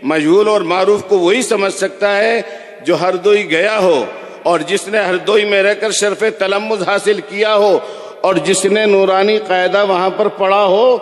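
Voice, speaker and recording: A man preaching a sermon in a mosque, telling stories and slowly chanting recitation examples. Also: high-pitched. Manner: storytelling, slows to chant Quran recitation examples. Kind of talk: religious sermon. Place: large echoing mosque hall. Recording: echoey hall reverb.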